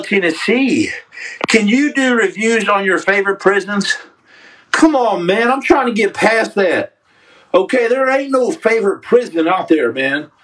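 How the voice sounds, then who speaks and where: A high-voiced man, a podcast host, reads viewers' comments aloud on a loose, casual livestream, joking, trash-talking the audience and calling people son. His fairly bright voice sits a bit back from the mic, recorded from a distance with poor audio.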